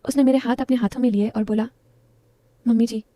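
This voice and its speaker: A woman's voice: on the high side, fairly even intonation, racing, warm tone, no echo. A woman narrating a first-person story in an intimate, confiding way, talking straight to her listeners.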